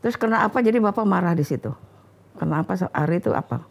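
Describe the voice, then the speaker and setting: An older Indonesian woman speaks in a relaxed, conversational way, her voice rough with vocal fry. She tells family memories as an interview guest and acts out the dialogue as she goes. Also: lowish voice, fast. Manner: acts out family dialogue when recalling stories. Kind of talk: casual conversational storytelling.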